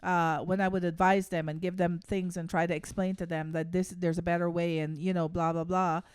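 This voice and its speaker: A woman's voice: lowish voice, level tone, fairly quick, smooth, no echo. A middle-aged woman from Guyana co-hosting a family podcast, talking earnestly about her faith and the children's home she runs. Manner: earnest, speaks with faith-filled conviction. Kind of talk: casual family podcast chat.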